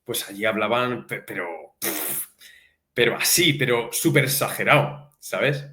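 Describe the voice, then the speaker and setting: A young man from Spain talks casually as a guest, loose and slangy, with a mid-pitched voice. His voice rings in an echoey room. He tells his stories in a relaxed, lively way. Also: a little slow. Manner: informal, says tío a lot, lively and laughing. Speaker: guest, teacher. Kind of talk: casual chat.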